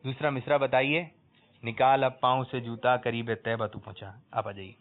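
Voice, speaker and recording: A man hosting a religious quiz for children, coaxing answers out of them and loudly praising the correct ones. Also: mid-range voice, level tone. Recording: tinny lo-fi phone-like sound.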